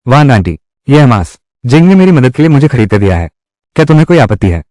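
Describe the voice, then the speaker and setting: A man's voice: medium pitch, sing-song, fast talker, a little mellow, no echo, clean studio sound. A man reading all the character lines of a dubbed drama in one voice. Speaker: voice-over reader of a dubbed drama.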